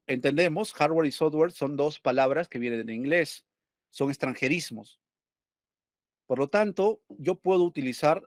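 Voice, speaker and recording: A man's voice: a little high, darkish tone, no room sound, studio quality. A male teacher going over test questions, explaining step by step and asking and answering his own questions.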